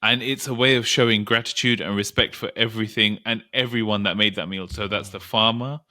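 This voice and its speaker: A man with a lowish, bright voice co-hosting a casual chat podcast. He jokes readily and explains ideas at length in an easy, friendly way. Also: fairly even intonation, fairly quick. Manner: laughing, playful, explains at length. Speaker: podcast co-host.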